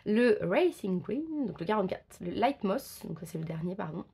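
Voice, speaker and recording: A woman's voice: on the low side, fast talker, creaky, warm tone, slightly rough. A woman chatting casually while she colors and tests pencils, thinking aloud with many fillers and self-corrections. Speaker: coloring book vlogger.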